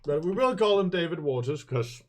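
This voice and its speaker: A man's voice: fairly high pitch, expressive, a little fast, darkish tone, slight background noise. A man narrating as game master in a tabletop role-play game, rambling and joking with many fillers.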